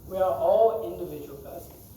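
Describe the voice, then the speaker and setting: A man's voice: high-pitched, fairly quick, warm tone, a little hiss or hum. A man teaching a scripture class to a group in a temple, talking conversationally, quizzing the audience and laughing often. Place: temple hall. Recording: echoey hall, mic far off.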